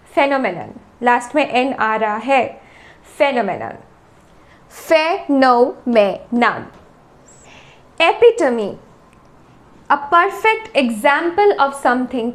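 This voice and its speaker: A woman with an Indian accent teaching English pronunciation, repeating each word slowly and drawing out its syllables. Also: high-pitched. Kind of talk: slow, deliberate pronunciation lesson.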